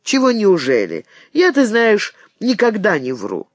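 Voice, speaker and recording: A man voicing a sharp-tongued, scornful young bride who speaks in a mocking, self-assured way. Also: high voice, huge pitch swings, measured pace, no echo, clean studio sound, voice pushed up, heavily acted.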